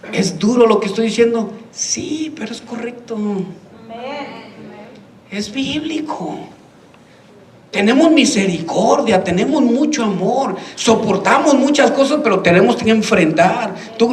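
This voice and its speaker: A man preaching a sermon as pastor, telling stories with humor and acting out the voices of the people in them. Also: high-pitched. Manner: storytelling, humorous, acts out quoted voices. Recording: echoey hall from far off, congregation heard.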